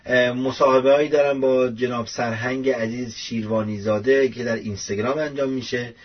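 A man's voice: medium pitch, steady tone, husky. A man hosting his own commentary show, talking casually and rambling with many fillers. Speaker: youtube show host. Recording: dull lo-fi audio.

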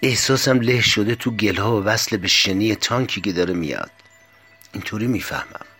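A man's voice: lowish voice, sharp tone, husky, faint music behind, heavily acted. A man reading a stubborn crushed young woman. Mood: knowing.

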